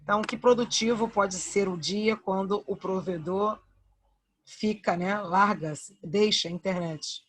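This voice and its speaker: A woman's voice: medium pitch, fairly even intonation, a little slow, fairly bright tone, slightly rough. A woman teacher with a Brazilian Portuguese accent takes an online class through verb conjugations one by one. She speaks patiently and repeats each form. She checks in often with short questions to her students. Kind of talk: online Spanish grammar lesson.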